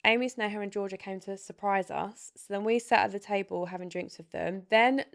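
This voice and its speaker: A young woman co-hosting a podcast, chatty and quick to laugh as she tells stories. Her voice sits at an everyday middle pitch for a woman. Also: fairly even intonation, vocal fry, fairly bright tone. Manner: chatty storyteller, laughing often. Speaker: podcast co-host. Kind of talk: casual chat.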